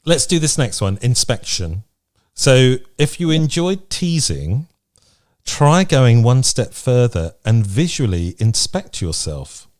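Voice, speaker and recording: Speaking slowly but in a very animated way, a man co-hosts a podcast from a remote setup. His mid-range voice is a little mellow, and his casual chat comes across as frank and matter-of-fact.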